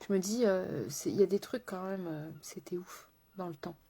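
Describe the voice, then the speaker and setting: A woman's voice: fairly low pitch, normal speed, mellow, breathy edge. A woman makeup artist chatting casually on a live stream, laughing often and answering viewers by name as she works. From France.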